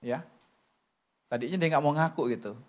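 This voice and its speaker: A man preaching as a pastor in a church, telling stories with lively acted-out dialogue. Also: fairly high pitch, normal speed. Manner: lively storytelling, acts out dialogue. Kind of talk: sermon.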